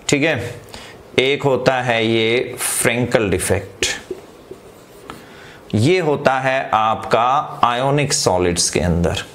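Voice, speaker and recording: A male chemistry teacher, giving an online lesson at an unhurried, deliberate pace. His voice sits in a middle pitch for a man. He switches between Hindi and English terms and keeps checking in with his students while dictating headings word by word. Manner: addresses students often, checks with "ठीक है?"; slows right down to dictate headings. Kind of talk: online class lecture.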